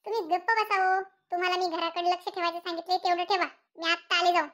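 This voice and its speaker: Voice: extremely high pitch, little pitch movement, quick pace, a bit bright. A performer voicing a boastful, bossy middle-aged village wife in a cartoon comedy. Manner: bossy, showing off. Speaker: Kamalbai, housewife.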